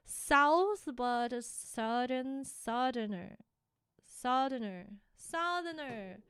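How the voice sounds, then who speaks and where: Bright, clear-voiced woman streamer. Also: high-pitched, lively intonation, drawn-out words, no room sound, studio quality. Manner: chatty and giggly, many fillers, musing over English words. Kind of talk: casual live-stream chat.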